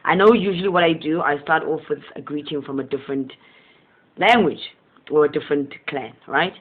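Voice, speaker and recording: A fairly quick, mid-range voice belongs to a motivational channel's host, whose first language is Southern Sesotho. The sound is tinny, as if over a phone. In this casual spiritual monologue, he drifts along in a gentle, earnest way, often breaking into chuckles.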